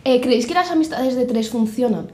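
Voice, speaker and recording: A young woman with a Spain Spanish accent talks in a loose, chatty way, her sentences wandering off into filler. Her voice sits fairly high. The podcast set around her is roomy and echoey, with a faint hiss underneath. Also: brisk, a little mellow. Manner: chatty, trailing off into filler phrases. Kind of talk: casual chat.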